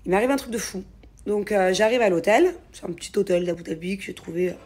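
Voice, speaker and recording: A woman's voice: medium pitch, fast, a little mellow, breathy edge. A woman telling a story in a casual vlog, chatty and rambling with many fillers. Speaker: vlogger.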